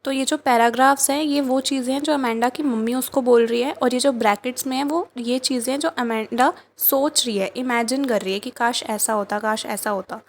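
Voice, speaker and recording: A young Indian woman teaching, reading out a poem slowly and explaining it in plain Hindi. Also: high voice.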